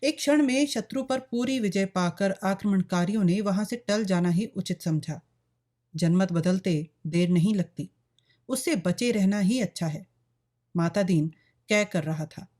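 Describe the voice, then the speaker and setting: A woman reads a novel aloud as an audiobook narrator. Her delivery is steady and measured. Her pitch sits in an ordinary middle range.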